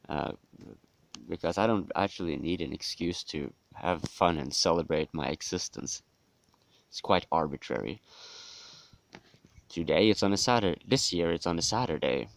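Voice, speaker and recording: A hungover man who is a native Norwegian speaker, rambling casually in a halting, musing, self-deprecating way for a vlog. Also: low-pitched, gravelly, dry recording. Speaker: vlogger.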